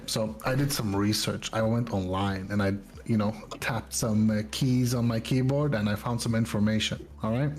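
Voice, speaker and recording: A man's voice: on the low side, darkish tone. A man co-hosting a podcast in casual chat, explaining facts and often checking in with his listeners. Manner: explanatory, keeps checking in with "right?" and "you know?". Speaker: podcast co-host.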